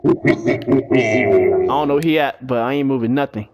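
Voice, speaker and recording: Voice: mid-range voice, fairly even intonation, moderate pace, music in the background. A scared horror game streamer giving casual, nervous, giggly commentary with swearing while playing. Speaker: video game player.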